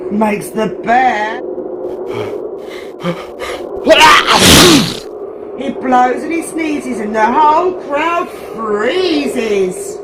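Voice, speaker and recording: A woman reading a children's picture book aloud as a storytime host, playful and sing-song. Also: high voice. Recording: echoey room, loud traffic noise.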